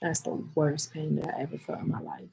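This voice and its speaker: A woman's voice: sits low, sing-song, brisk, vocal fry, mellow, breathy edge, low-quality recording. A woman, talking heartfelt and teary-eyed to her viewers in a casual vlog chat. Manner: heartfelt, speaks directly to viewers as y'all. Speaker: vlogger answering viewer comments.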